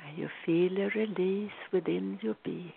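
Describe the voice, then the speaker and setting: A woman's voice: fairly low pitch, measured pace, creaky, a little hiss or hum. A woman leading a guided meditation in a soothing voice that drifts into whispers. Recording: tinny phone-like sound.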